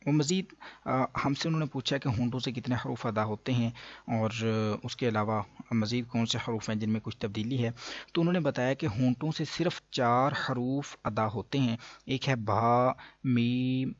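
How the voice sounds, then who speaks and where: Man calmly teaching Arabic letter sounds. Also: medium pitch, dull audio. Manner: slow and explanatory, with frequent pauses and fillers. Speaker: Quran reading teacher. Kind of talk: patient spoken lesson.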